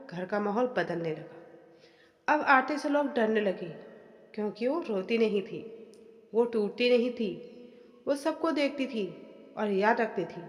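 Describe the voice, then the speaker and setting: Woman reading a family story slowly and dramatic, roomy echo, long reverb tail. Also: fairly high pitch. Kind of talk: scripted story narration. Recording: echoey room with long reverb.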